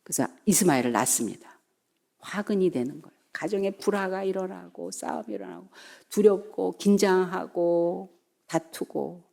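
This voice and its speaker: Middle-aged lady pastor preaching, warm dark tone, acts out the characters as she goes. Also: on the low side, normal speed, gravelly. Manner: animated storytelling, acts out quoted voices. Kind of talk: sermon.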